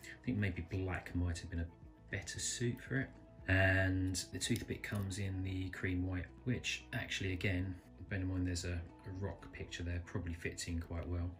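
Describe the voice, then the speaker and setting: A man calmly reviewing a small pocket knife, thinking aloud and correcting himself as he goes. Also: deep voice, normal speed, few pauses, faint music behind. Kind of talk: casual product review narration. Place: indoors at a table, filming hands close up.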